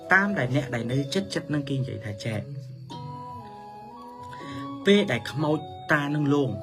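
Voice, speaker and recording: A man telling a story for children in a lively manner, his pitch swinging up and down. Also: normal speed. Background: music.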